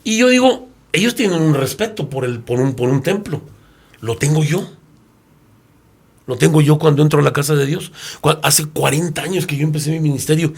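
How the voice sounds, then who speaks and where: A man's voice: a little high, normal speed, creaky, husky. A man in his sixties with a Mexican Spanish accent, a pastor talking through a Bible lesson and telling stories in which he acts out the characters. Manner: storytelling, acts out quoted characters. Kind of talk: sermon-like Bible lesson discussion.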